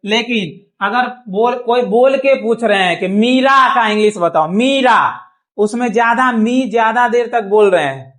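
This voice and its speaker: A man's voice: very high voice, normal speed, hardly any pauses, a bit bright. Male teacher, classroom lesson, patient, repetitive checks. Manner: patient, repeats checks like "thik hai?". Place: small classroom.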